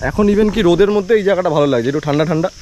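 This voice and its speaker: A man's voice: high-pitched, racing. A man with a Bengali accent narrating a casual travel vlog, chatty and repeating phrases for emphasis. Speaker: travel vlogger. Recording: clear background noise, echo in big hall.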